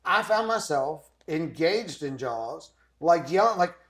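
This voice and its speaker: A man hosting a casual podcast, animated and quick to react. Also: a little high. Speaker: podcast host.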